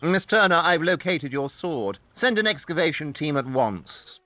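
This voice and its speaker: An actor playing Sherlock Holmes, a confident, deductive detective, speaking deliberately and theatrically in an audio drama. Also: male voice, a little high, sing-song, sharp tone. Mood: brisk, polite. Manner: deliberate, theatrical, self-assured.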